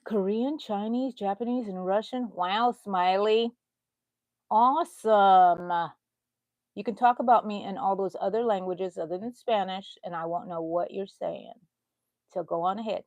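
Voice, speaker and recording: Crocheting on her livestream, a middle-aged host from Houston, Texas chats loosely and answers viewer comments. Her medium-pitched voice is unhurried and darkish, captured in a dry, lo-fi recording.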